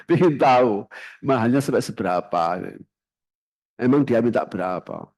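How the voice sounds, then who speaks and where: A middle-aged male preacher with a Javanese accent tells stories in his sermon, and his pitch leaps and falls in animated swings. His voice comes across close and dry, with hardly any room sound, and his delivery jumps from loud bursts to near-whispered asides. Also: slow, no room sound. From Java. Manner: storytelling with animated shifts between loud and hushed. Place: mosque.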